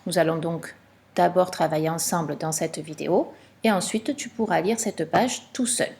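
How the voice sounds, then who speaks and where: A woman teaching a reading lesson to young children, explaining slowly and clearly with patience. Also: lowish voice, darkish tone.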